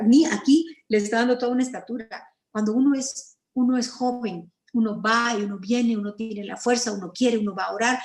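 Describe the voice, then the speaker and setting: A Guatemalan woman teaching a Bible study over a video call, earnest and story-driven, clearing her throat now and then. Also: a little high, a little mellow, roomy sound. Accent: Guatemalan Spanish.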